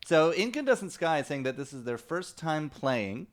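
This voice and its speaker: Brief: young male esports caster, lively swooping pitch, excitable, laughs often, addresses chat. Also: moderate pace. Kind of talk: live game commentary.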